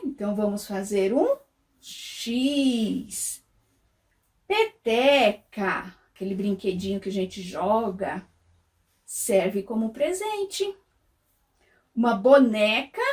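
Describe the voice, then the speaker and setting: A woman's voice: medium pitch, very animated, slow, a little mellow, recorded from a distance. A Brazilian woman teaching small children in a sing-song voice, stretching out words and asking questions that she answers herself. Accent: Brazilian Portuguese. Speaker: kindergarten teacher.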